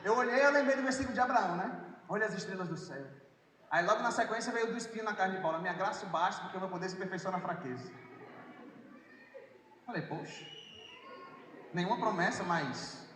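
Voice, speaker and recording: A young Brazilian man giving a sermon testimony, storytelling and swinging from hushed to excited. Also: high voice, fairly quick, pauses often, a little hiss or hum. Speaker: worship minister and preacher. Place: large hall at a youth congress. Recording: echoey hall from far off.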